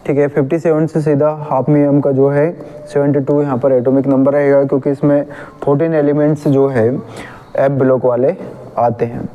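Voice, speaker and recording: A man's voice: mid-range voice, level tone, moderate pace, dark tone, low-quality recording. A man with a Hindi accent teaching chemistry, patiently repeating a memory trick and correcting his own slips.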